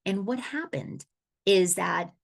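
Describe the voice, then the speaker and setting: A woman's voice: medium pitch, animated, slow, creaky. A middle-aged woman from the Dominican Republic, an awareness coach giving a spiritual teaching talk, earnest and often restarting her words.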